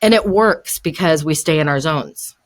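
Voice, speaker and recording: An older woman hosting a podcast, giving encouraging coaching advice in a relaxed conversational way and often laughing as she talks. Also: low-pitched, moderate pace.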